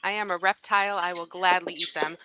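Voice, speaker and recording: A woman's voice: on the low side, steady tone, brisk, crowd noise. A woman playing a tabletop role-playing game, dry and wry in her remarks. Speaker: player. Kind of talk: tabletop role-play banter. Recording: lo-fi audio with faint noise.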